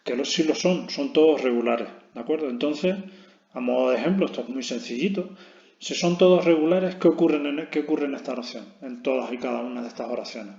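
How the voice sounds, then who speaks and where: A man's voice: mid-range voice, a little fast, creaky, darkish tone. A man teaching a recorded lesson, explaining step by step and checking in with his students after each point. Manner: explains step by step, constant "¿vale?" check-ins. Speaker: English teacher. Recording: dull, roomy lo-fi recording.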